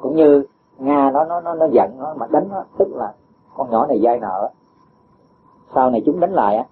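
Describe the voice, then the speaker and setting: At a moderate pace and in a mid-range voice, a male Buddhist teacher responds to a disciple with a patient dharma talk. Homely examples and frequent chuckles fill his explanation. The recording is dull lo-fi with a faint hiss.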